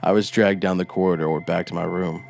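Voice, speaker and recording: A man narrating a scripted horror story with a dramatic delivery that moves between hushed menace and eager swells. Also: low-pitched, little pitch movement, fairly quick, gravelly, soft background music.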